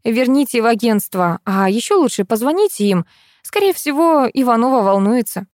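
A woman's voice: on the high side, animated, normal speed, darkish tone, dry recording, clean studio sound, pitched above the performer's own voice, close to an everyday voice. A woman voicing a chirpy young female courier with a sing-song, wheedling way of talking.

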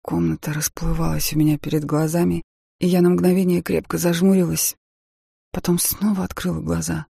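A woman reading a first-person audiobook in a measured, dramatic way. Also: fairly low pitch, flat delivery, vocal fry, mellow, breathy edge, no room sound, studio quality. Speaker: audiobook narrator.

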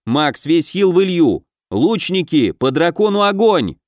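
A man reading the part of a quick-tempered young raid leader, shouting commands at his team in a higher, louder voice. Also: big pitch swings, no room sound, studio quality. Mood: commanding urgent.

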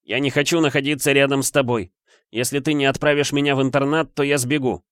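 A man's voice: medium pitch, fairly even intonation, fast, a bit bright, smooth, no room sound, pitched above the performer's own voice, lightly acted. Bitter eleven-year-old boy, harsh and accusing, raised voice, dry recording, man voicing.

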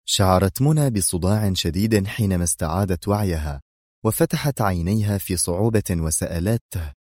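A man narrating a novel in a measured storytelling manner. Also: deep voice, lively intonation, a little mellow, no room sound, clean studio sound. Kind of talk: audiobook narration.

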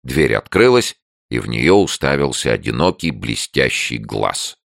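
A man narrating a novel as an audiobook reader, with expressive storytelling. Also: rumbling low, unhurried, vocal fry, no echo, clean studio sound. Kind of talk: scripted narration.

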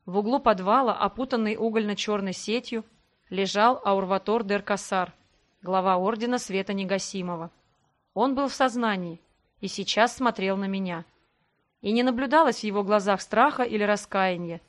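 A woman narrating a first-person fantasy audiobook in an expressive voice with dry irony. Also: mid-range voice, normal speed.

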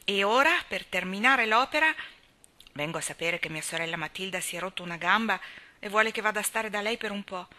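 A woman's voice: fairly quick, sharp tone, lightly acted. A woman voicing a fussy, dramatic older housekeeper who laments her troubles. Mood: fretful. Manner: lamenting, raised pitch.

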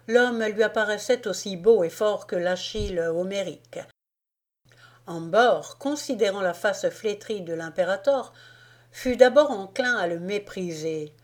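Woman audiobook narrator, historical fiction, slow deliberate read. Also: medium pitch, darkish tone. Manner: slow, measured reading. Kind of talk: scripted narration of a historical novel.

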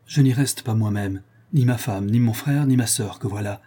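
A man's voice: lowish voice, moderate pace, dark tone, slightly rough. A man voicing a wounded, somber young working-class man who speaks tersely.

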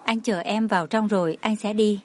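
A woman's voice: mid-range voice, fairly even intonation, normal speed, lightly acted. A woman voicing a polite, devoted young man who speaks kindly and courteously.

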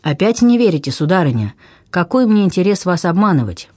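A man's voice: sits high, sing-song, brisk, a little mellow, no room sound. A man reading an audiobook, voicing a bitter sea captain who pleads his case earnestly and insistently. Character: bitter middle-aged male sea captain.

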